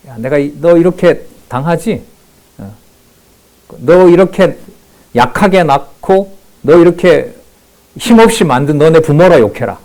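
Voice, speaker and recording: A man's voice: a little high, lively intonation, unhurried, long pauses, darkish tone, pitched above the performer's own voice, low-quality recording. A man voicing a scornful, arrogant enemy commander who mocks his foes with sneering taunts. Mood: mocking.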